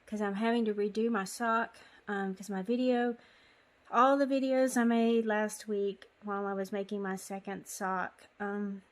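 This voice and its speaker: A woman's voice: mid-range voice, steady tone, unhurried. A woman giving a casual step-by-step knitting tutorial, chatty and apologetic, with frequent ums. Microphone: phone.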